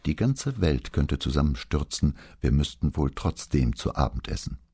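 A man's voice: extremely low pitch, very animated, normal speed, gravelly, warm tone, slightly rough, dry recording, heavily acted. A man voicing a blunt, earnest wife. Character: frank, sharp-tongued middle-aged wife.

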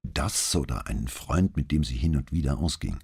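A courteous middle-aged detective, as a male reader plays him questions a witness gently and patiently. His voice sits very low, dark and mellow, with a husky edge. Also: expressive, moderate pace, exaggerated voice. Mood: gently probing.

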